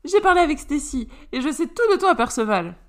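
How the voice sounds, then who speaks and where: A woman reading a story aloud, voicing a stylish, sharp-tongued young woman who teases the others with playful, mocking banter. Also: high-pitched, very animated, fairly quick, pitched above the performer's own voice.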